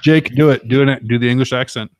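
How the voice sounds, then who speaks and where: A man's voice: mid-range voice, fairly even intonation, brisk. A man hosting a podcast casually, playfully prompting his co-hosts with questions. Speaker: podcast host.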